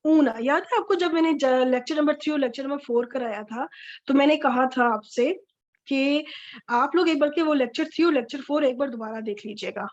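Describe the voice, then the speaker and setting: A woman gives a recorded grammar lecture in a high voice. She is patient, and she says each verb form slowly more than once and stresses the endings. The sound is dull and lo-fi. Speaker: Quranic Arabic grammar teacher.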